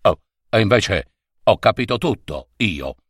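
A man voicing a kind old gentleman who speaks softly and with quiet amusement. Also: sits low, big pitch swings, slow pace, no room sound, studio quality, voice pushed down, exaggerated voice. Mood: amused. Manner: soft-spoken, amused.

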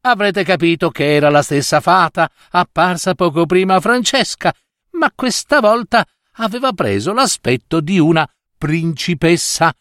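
A man reading a fairy tale aloud, lively and speaking directly to his listeners. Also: high-pitched, normal speed, no echo, studio quality. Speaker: storyteller.

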